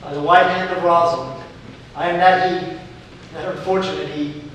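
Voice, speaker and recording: A man's voice: a little high, fairly even intonation, moderate pace, fairly bright tone, close to an everyday voice. A man on stage playing an earnest, lovestruck young suitor in theatrical Shakespearean style. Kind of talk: live Shakespeare stage acting. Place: stage performance, recorded from afar. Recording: distant, echoey stage recording, clear noise.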